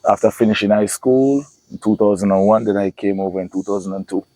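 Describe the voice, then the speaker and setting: A middle-aged man, a football coach, chatting in an interview in a relaxed, hesitant way with many pauses. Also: on the low side, no echo, low-quality recording. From Jamaica. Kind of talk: casual interview chat.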